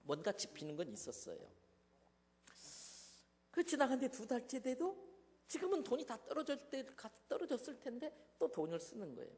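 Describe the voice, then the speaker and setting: A man preaching a revival sermon as a guest pastor, telling a personal story with dramatic swings from hushed asides to loud exclamations. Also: very high voice, sing-song, moderate pace. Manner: dramatic, swings from hushed to shouting in acted quotes. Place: church sanctuary. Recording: long church hall reverb.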